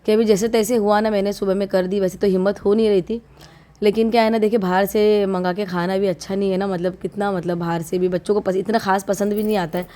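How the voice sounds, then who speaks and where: A woman in her thirties, unwell, chatting warmly and from the heart to her viewers in a casual home vlog. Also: mid-range voice, fairly even intonation, fast. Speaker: vlogger.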